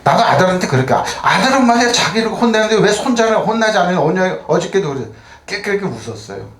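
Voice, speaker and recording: Older male pastor, slightly high-pitched, casual sermon with rhetorical questions, echoey church hall. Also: sing-song, fast, a bit bright. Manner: conversational, asks the congregation rhetorical questions.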